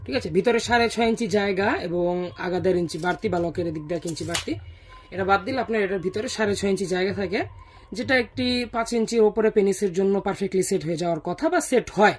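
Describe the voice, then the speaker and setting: A seller with a husky voice giving a casual, explanatory product demonstration and often checking in with listeners. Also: medium pitch, fast talker, slight background noise. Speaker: product seller presenting a sales video.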